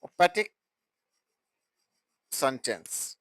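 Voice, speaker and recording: Slow, deliberate male English teacher. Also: a bit bright, no echo, poor audio. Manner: slow, deliberate explaining with repeated example sentences. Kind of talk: grammar lesson.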